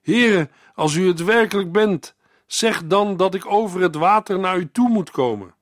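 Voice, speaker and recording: Narrator doing an urgent, pleading Peter, a fisherman raised up in pitch, dry studio read. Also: lively intonation, moderate pace, dry recording. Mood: eager.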